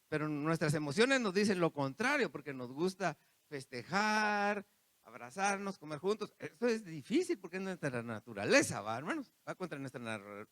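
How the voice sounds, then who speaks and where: A man's voice: fairly high pitch, a bit bright, no echo. A man preaching a sermon, repeating phrases and turning to the congregation with asides. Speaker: pastor.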